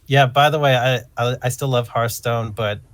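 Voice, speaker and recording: A man's voice: mid-range voice, steady tone, moderate pace. A man co-hosting a casual podcast, chatty and poking fun at himself. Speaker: podcast co-host.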